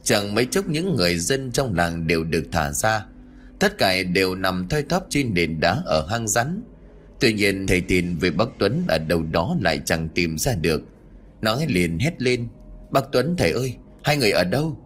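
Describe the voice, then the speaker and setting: A man narrating a ghost story audiobook in an expressive, dramatic way. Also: deep voice, moderate pace, a little hiss or hum.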